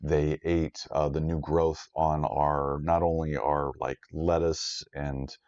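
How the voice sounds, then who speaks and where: A man with a very low, deep voice chats casually as co-host of a gardening live stream. He talks in a relaxed way, filling gaps with ums and uhs. The audio is dull and lo-fi. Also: takes it slowly. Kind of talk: casual chat.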